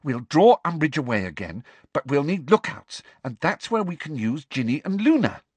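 A man's voice: fairly high pitch, very animated, moderate pace, a little mellow, slightly rough, no room sound, pitched above the performer's own voice. A man voicing an anxious, insistent, clever teenage girl in an audiobook, pleading and precise. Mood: nervous, planning. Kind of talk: audiobook character voice.

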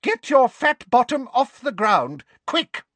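A man voicing a batty, frantic old woman neighbour who scolds in a shrill, shrieking voice. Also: wildly swooping pitch, moderate pace, a bit bright, slightly rough, no room sound, exaggerated voice. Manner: fussy, breathless scolding.

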